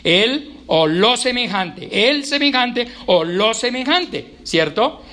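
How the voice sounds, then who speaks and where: Male preacher, high bright voice, emphatic and chatty from the pulpit. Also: expressive, takes it slowly. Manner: emphatic, conversational preaching with humor. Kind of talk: sermon. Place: church.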